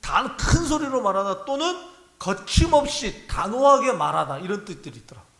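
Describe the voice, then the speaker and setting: A man's voice: high voice, very animated, moderate pace, gravelly, sharp tone. A male pastor preaching a Sunday sermon in a conversational way, often asking the congregation questions. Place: church sanctuary. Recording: echoey church hall.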